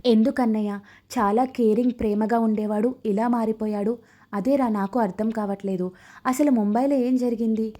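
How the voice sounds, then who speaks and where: A warm-hearted, joking young man who looks out for others, from a spoken storybook romance, read by a woman narrator. His voice stays mellow and gentle. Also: a little high, steady tone, normal speed, lightly acted. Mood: caring. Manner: caring, joking. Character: caring older-brother type young man.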